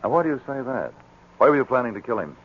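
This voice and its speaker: A man's voice: medium pitch, very animated, fast talker, breathy edge. A man playing a firm, probing police sergeant with an authoritative manner in a 1940s radio drama. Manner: authoritative, questioning, emphatic. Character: firm, probing, fair-minded police sergeant of the northern wilderness. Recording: muffled, worn 1940s radio recording.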